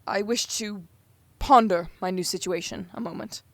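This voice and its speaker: A man's voice: sits high, moderate pace, vocal fry, fairly bright tone, no echo. A performer voicing Damien, a reluctant young nobleman who stammers through forced politeness in a fantasy audio drama. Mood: uneasy.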